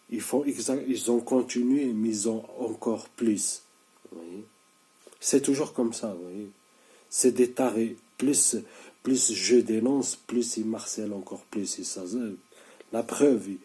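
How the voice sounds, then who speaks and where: This is a casual video monologue from a tired man in his thirties who hasn't slept enough. His pitch sits fairly low and sounds mellow. Talking right into the camera, he presses the same points again and again, tripping over words and restarting frequently.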